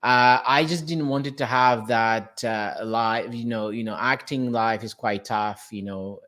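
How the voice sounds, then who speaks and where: A young man from Portugal with a Portuguese accent, talking as an interview guest in a fast, self-correcting way with frequent restarts. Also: mid-range voice, a bit bright. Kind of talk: casual interview.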